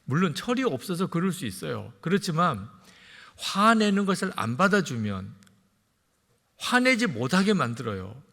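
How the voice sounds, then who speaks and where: Gravelly male pastor in a reverberant hall. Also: on the high side, normal speed. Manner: lively preaching, acting out parents and quoted voices. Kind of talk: sermon. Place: large church sanctuary.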